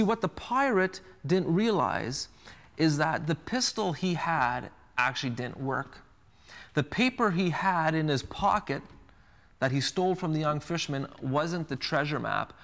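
Earnest priest with a slightly high voice. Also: male voice, fairly bright tone. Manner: earnest, storytelling with acted quotes. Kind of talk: televised sermon.

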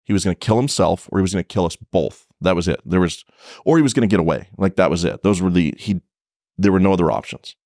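A man's voice: deep voice, fast talker, a little mellow, dry recording, studio quality. A man who is a police officer, telling a story in a casual podcast interview, blunt and profane, with frequent restarts.

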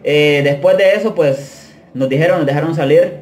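A man's voice: on the high side, moderate pace, a little mellow. A man telling a story casually in a vlog, using slang, dropping in English phrases and often restarting his sentences. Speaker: vlogger telling prison stories.

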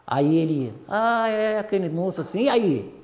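A man's voice: sits high, lively intonation, moderate pace, darkish tone, big-room sound. A man guesting on a TV talk show, telling an emotional story full of quoted dialogue. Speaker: songwriter guest.

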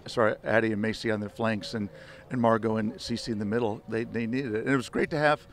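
Older male coach, even monotone delivery, rambling postgame answers into handheld mics outdoors. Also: fairly low pitch, quick pace. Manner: rambling, many restarts and "you know" fillers. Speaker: head soccer coach. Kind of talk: postgame media interview. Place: outdoor stadium field at night. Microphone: handheld reporter mics held close.

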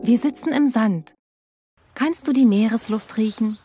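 A woman voicing a teenage girl who speaks softly and gently in a storybook tale. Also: on the high side, measured pace, breathy edge, faint music behind. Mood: soothing. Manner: soft, calming. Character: teenage girl Lena, shy then apologetic.

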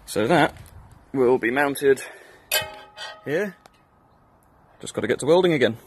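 A man's voice: mid-range voice, expressive, a little slow, faint music behind. Chatty Northern Irish man. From Northern Ireland. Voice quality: chatty, self-deprecating, with frequent ums and uhs. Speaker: hobby blacksmith. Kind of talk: casual workshop build narration.

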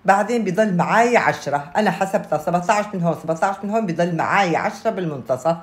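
A woman's voice: on the low side, expressive, racing. A woman with a Levantine Arabic accent giving a casual step-by-step craft tutorial, repeating key steps and checking in with her listeners. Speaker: knitting instructor. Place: indoors at a table, hands-only camera view.

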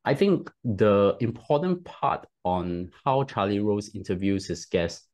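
A man with a lowish, expressive, slightly mellow voice speaks at a measured pace. In his thirties and Singaporean-accented, he's a podcast guest explaining at length via a headset video call in a home room. It's casual interview talk, full of restarts and "right?".

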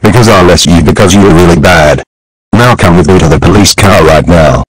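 A man's voice: deep voice, fairly quick, slightly rough, dry recording, pitched below the performer's own voice, low-quality recording. A man voicing a stern male police officer who scolds and gives bossy orders.

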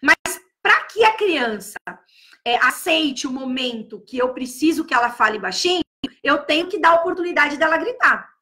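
A woman talks loudly in a high, bright voice, giving casual advice to fellow teachers. She stresses her points by repeating key words over and over. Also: lively intonation, moderate pace. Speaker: early-childhood educator.

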